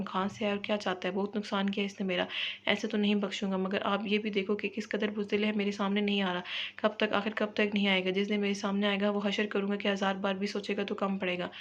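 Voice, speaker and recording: A woman reading the part of a stern, protective middle-aged father in a flat, hurried way, on a dull lo-fi recording. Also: medium pitch, close to an everyday voice.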